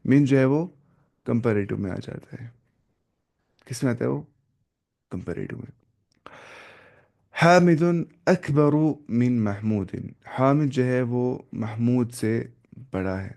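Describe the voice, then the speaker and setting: A man teaching an Arabic grammar class, slowly repeating word forms and correcting himself as he goes. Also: medium pitch, creaky, warm tone. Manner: slow and repetitive, drilling word forms with self-corrections.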